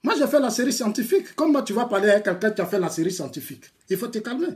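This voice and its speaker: Un homme originaire de Côte d'Ivoire, de langue maternelle bété, avec un accent ivoirien, qui sermonne longuement un rival dans une vidéo et répète ses phrases. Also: male voice, high voice, lively intonation, very fast. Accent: Ivorian French. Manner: lecturing, repetitive, scolding, bursts of laughter. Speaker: political activist replying to a critic. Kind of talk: heated video rant addressed to a rival.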